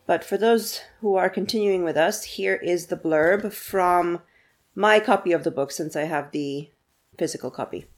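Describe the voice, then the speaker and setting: Chatty lower-voiced woman book podcaster. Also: normal speed. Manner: chatty, laughs often, reads aloud steadily. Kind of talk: casual book chat and blurb reading.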